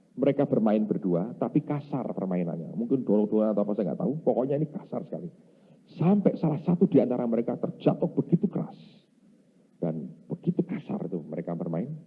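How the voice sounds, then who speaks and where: Animated Indonesian pastor, tinny sound. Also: male voice, on the low side, breathy edge. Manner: animated, acts out voices in the story, swings from loud to hushed. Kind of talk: sermon with storytelling.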